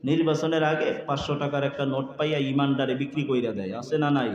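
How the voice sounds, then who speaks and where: A man's voice: medium pitch, steady tone, fast talker, dull audio. A man preaching a fiery waz sermon, impassioned and sing-song, often asking the crowd to agree. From Bangladesh. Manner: impassioned, rising to shouts, sing-song cadence; colloquial, asks the crowd for agreement. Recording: echoey hall with long reverb.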